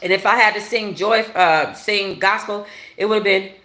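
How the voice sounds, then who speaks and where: A woman hosting a casual commentary chat, animated and laughing, with loud exclamations. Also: mid-range voice, normal speed, echoey room. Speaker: podcast host.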